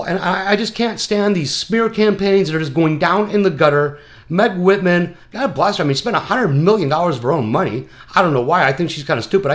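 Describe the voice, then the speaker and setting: A man calling in to a talk show, delivering a rambling, crude, mocking rant. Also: on the high side. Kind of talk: ranting call-in monologue.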